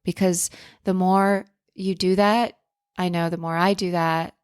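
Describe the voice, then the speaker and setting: A woman's voice: fairly low pitch, flat delivery, unhurried, clear, resonant tone, no echo, studio quality. A woman hosting a podcast in a self-help influencer style, speaking casually and earnestly with spiritual encouragement and affirmations.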